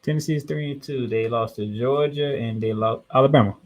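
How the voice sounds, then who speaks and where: Male American sports co-host, mid-range voice, animated delivery for college football matchup previews. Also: mid-range voice, brisk.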